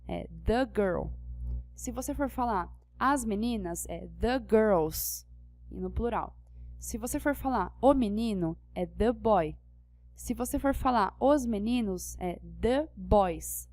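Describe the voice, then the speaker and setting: A woman's voice: fairly high pitch, darkish tone, dry recording. A young Brazilian woman with a Brazilian Portuguese accent, an English teacher explaining grammar patiently and checking that students follow. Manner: patient, checks understanding with questions. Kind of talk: classroom lesson explaining grammar.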